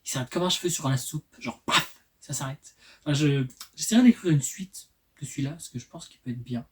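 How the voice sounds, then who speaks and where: A man in his twenties hosting his channel, reading his own poems aloud and adding candid, self-mocking asides in a soft, unhurried way. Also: fairly high pitch. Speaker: channel host.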